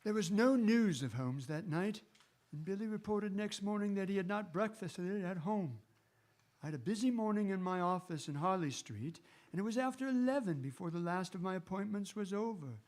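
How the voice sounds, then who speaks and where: Gentleman doctor for radio drama, male actor: high-pitched for a man, formal, brisk, a little curt. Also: expressive. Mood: measured narration. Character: brusque, busy male London doctor, Doctor Watson. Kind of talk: radio drama acting with scripted narration.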